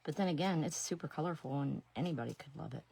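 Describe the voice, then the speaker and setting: A middle-aged Ohio woman with an Ohio accent rambles chattily while crafting on a live stream, throwing in self-deprecating asides. She's a resin artist and painting teacher. Her voice sits low, a little mellow yet slightly rough with vocal fry, and she talks at a quick pace on a rough recording.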